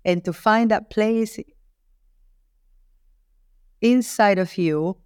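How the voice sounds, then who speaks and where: A woman from Ecuador answers an interviewer in an earnest, reflective way, often restarting her sentences. Her voice is smooth and clear at a middle pitch. The sound is close and dry, with no room around it. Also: very slow, darkish tone, no room sound. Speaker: author and guest.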